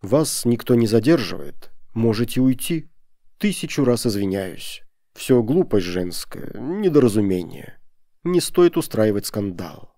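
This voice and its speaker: A man's voice: medium pitch, big pitch swings, measured pace, dark tone, no echo, studio quality. A man doing a fawning apologetic merchant. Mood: placating. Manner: fawning, fussy, hissing at family.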